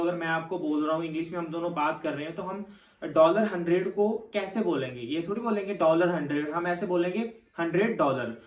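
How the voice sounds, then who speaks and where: Male tutor, high register, patient step-by-step explainer; roomy, distant mic sound. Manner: explains step by step, repeats "theek hai" to check in. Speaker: test prep teacher. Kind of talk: classroom-style lesson. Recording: echoey room, mic set back.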